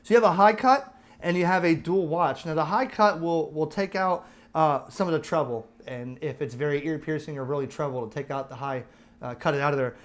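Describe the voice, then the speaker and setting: An American man who hosts a radio review channel gives a casual, chatty product review, walking through the features step by step informally. His voice is a little high and brisk.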